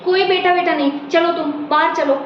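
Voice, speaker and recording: Woman playing a bossy young married daughter, very high voice, taunting, echoey room, family drama skit. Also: steady tone, background noise. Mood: scolding. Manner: scolding, taunting, quick to accuse. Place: indoors at home. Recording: roomy, dull lo-fi sound.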